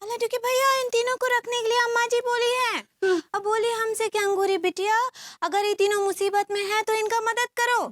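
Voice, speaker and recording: A naive, sing-song village wife. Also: female voice, extremely high pitch, flat delivery, normal speed, a bit bright. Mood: innocent. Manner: innocent, sing-song, mangles words. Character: simple, naive young village housewife.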